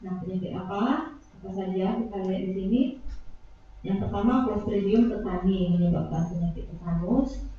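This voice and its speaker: Woman presenting to pupils, mellow tone, filler-heavy delivery; roomy, muffled far-off recording. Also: medium pitch, normal speed, slight background noise. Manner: explanatory, with frequent fillers and addressing the pupils. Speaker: presenter explaining lesson material. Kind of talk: explaining a lesson to pupils. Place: classroom. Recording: echoey classroom from a distant camera. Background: classroom ambience.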